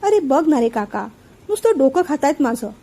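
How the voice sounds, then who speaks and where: An irritated young man snaps back at his meddling family, as a woman storyteller reads his lines. The voice stays high and mellow, curt and exasperated, in a read-aloud family story. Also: sing-song, moderate pace.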